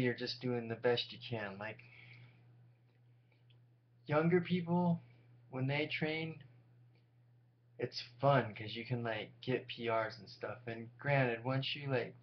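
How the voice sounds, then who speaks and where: Sleep-deprived man on dull, humming audio. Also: mid-range voice. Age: 40s. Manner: sleep-deprived, tired delivery. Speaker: vlogger. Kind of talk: casual rambling monologue to viewers. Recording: dull lo-fi audio with loud hum.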